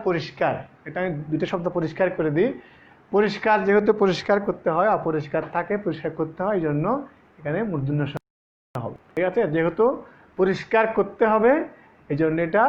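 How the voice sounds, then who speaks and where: A male teacher giving a classroom grammar lesson, speaking slowly and repeating terms to stress what comes up in exams. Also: high-pitched, muffled recording. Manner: slow, repeating terms and stressing exam points. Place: classroom, moving about the board.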